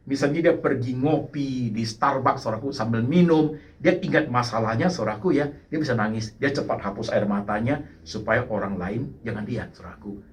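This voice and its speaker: A man preaching a sermon, repeating phrases and calling out to the congregation, sliding now and then into English words. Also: medium pitch. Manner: mixes English words into his speech. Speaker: pastor.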